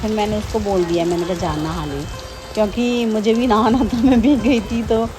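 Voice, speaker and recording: A woman's voice: on the high side, a little fast. A woman in her thirties, a homemaker, chatting casually in a daily home vlog, rambling with many fillers and restarts. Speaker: vlogger, homemaker. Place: home during heavy rain. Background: faint rain and ambience.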